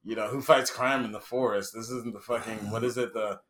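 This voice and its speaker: A man's voice: fairly low pitch, fairly even intonation, fairly quick, a bit bright. A man co-hosting a podcast, talking in a loose, rambling, profane way about comic book powers. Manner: profane, rambling, laid-back. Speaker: podcast co-host. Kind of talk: casual chat.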